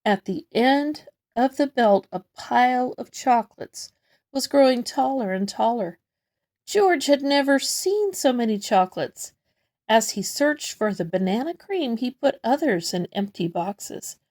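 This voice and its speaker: Slow and mellow, a storybook reader narrates a picture book for little kids. Her soft-edged voice rises and falls animatedly, and she gives extra weight to important words.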